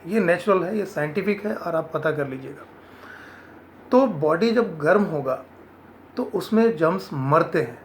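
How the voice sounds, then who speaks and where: A man's voice: on the high side, lively intonation, measured pace, slight background noise. A man from India giving earnest health advice in an informal explanatory talk, slipping English phrases into his speech.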